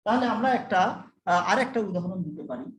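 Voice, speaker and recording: A man with a high voice teaches a college class in an echoey classroom. He explains step by step, repeats the key terms and stops to quiz his students. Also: lively intonation, fast, a bit bright. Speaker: college lecturer. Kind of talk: classroom lecture.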